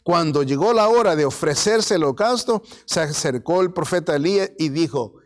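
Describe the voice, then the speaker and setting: A man's voice: a little high, lively intonation, moderate pace. A male pastor preaching a sermon in a conversational way, often checking in with "¿verdad?" and in words. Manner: conversational preaching, frequent "¿verdad?" tags, mixes in English words.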